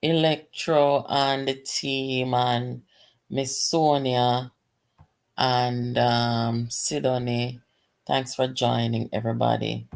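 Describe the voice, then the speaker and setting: A Jamaican vlogger hosting a live commentary stream, speaking in a gravelly, creaky voice. The delivery is unhurried and conversational, addressed straight to the viewers, with touches of Patois. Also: medium pitch, little pitch movement. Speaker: host of a political livestream show.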